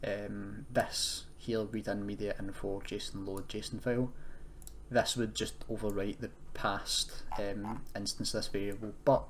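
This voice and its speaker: In a flat, fairly low voice and a slightly slow pace, a young university student walks through an unscripted screen-recorded coding tutorial. His explanation is informal and hesitant with self-corrections, over noticeable noise and keyboard typing.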